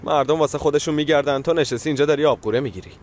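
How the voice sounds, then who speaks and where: A man's voice: a little high, darkish tone, lightly acted. A man playing a brusque, impatient lover. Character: impatient, dismissive male lover. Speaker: dub actor. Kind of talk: dubbed TV drama.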